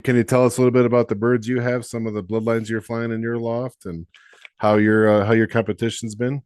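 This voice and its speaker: A man's voice: medium pitch, little pitch movement, brisk, darkish tone, clean tone, dry recording, studio quality. A man hosting a podcast interview, chatty and often restarting his questions mid-sentence. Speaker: podcast host. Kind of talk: casual interview.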